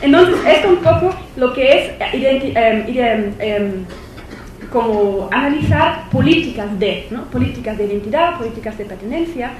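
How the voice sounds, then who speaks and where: Speaking at a moderate pace, a woman with a slightly high, expressive, darkish voice gives a university conference lecture as a visitor. Her German accent marks her as a non-native speaker, and she's hesitant, with many fillers and restarts, in an echoey hall with faint noise.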